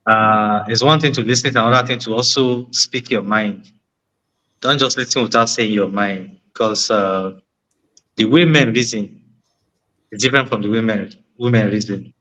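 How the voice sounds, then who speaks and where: A man's voice: fairly low pitch, normal speed, sharp tone, poor audio. A man with a West African accent gives conversational relationship advice, repeating key words for emphasis and posing rhetorical questions. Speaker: panel discussion participant.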